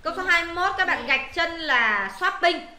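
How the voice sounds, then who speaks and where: A woman's voice: very high-pitched, animated, fairly quick, sharp tone, roomy sound. A woman English teacher, walking students through exam answers, repeating words and checking they follow. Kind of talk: exam answer walkthrough lesson.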